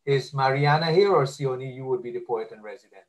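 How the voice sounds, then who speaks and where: A man with a mid-pitched voice moderates a webinar. He is courteous and plainly spoken as he thanks speakers and guests and hands over to the next part. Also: brisk, rough recording. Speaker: webinar host.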